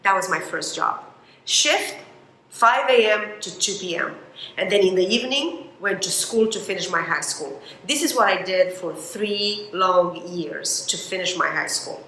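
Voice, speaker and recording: A woman from Romania, giving a motivational talk in an emphatic, expressive storytelling manner. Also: lowish voice, unhurried, roomy sound, slight background noise, rough recording. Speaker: motivational speaker.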